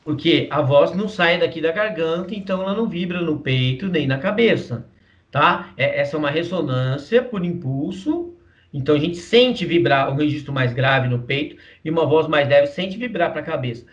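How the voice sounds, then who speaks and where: A man's voice: fairly high pitch, animated, normal speed. A man with a Brazilian Portuguese accent teaching a voice lesson, explaining patiently, often checking in with his listener, and demonstrating vocal registers. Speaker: singing teacher. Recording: distant mic, dull muffled sound.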